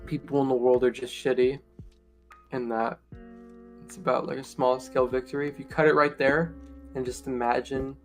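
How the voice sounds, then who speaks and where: A man's voice: mid-range voice, level tone, normal speed. Blunt, foul-mouthed young man. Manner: blunt and profane, sarcastic. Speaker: co-host. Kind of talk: casual movie review chat. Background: lo-fi music.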